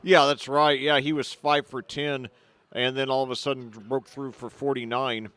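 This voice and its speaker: A man doing color commentary for a high school football broadcast, openly rooting for the home side and loose with fillers. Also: flat delivery, normal speed, a bit bright. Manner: partisan, loose with fillers, recaps the score.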